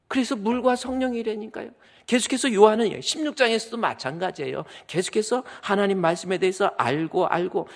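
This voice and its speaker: A male pastor preaching a sermon, swinging from hushed asides to loud urgent appeals and acting out quoted voices. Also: high voice, gravelly. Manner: preaching with dramatic swings, mimics voices and whispers. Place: church sanctuary. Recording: church hall reverb.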